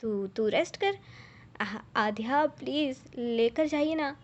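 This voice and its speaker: A woman's voice: sits high, takes it slowly, muffled recording. A woman voicing a nervous young best friend who stammers urgently. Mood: nervous hushing.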